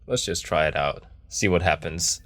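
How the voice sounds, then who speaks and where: A man's voice: lowish voice, lively intonation, moderate pace, fairly bright tone, no echo. A man giving casual, joking game commentary, thinking aloud in a laid-back, rambling way as he streams. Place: small office in a camper.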